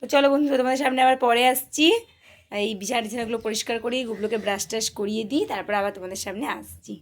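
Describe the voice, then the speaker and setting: A mother and family vlogger chats casually with her viewers at home, moving from the bedroom to the rooftop while coaxing her small children along. Her voice sits on the high side, fast and fairly even in intonation.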